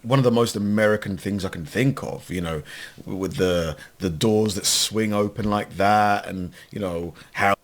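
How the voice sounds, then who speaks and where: A man's voice: fairly low pitch, moderate pace. A man co-hosting a reaction video, chatting in a laid-back way and leaning on fillers. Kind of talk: casual reaction chat.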